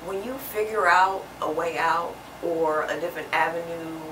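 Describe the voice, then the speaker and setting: A woman's voice: on the low side, normal speed. Young woman guest, earnest and heartfelt; distant mic in a roomy studio with noise. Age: young adult. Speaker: college student guest. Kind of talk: interview chat. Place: TV studio set.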